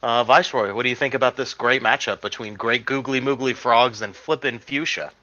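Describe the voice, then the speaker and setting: A man's voice: medium pitch, brisk, sharp tone, dull audio. A man casting an amateur video game match with playful, rambling play-by-play commentary full of ums. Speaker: esports caster.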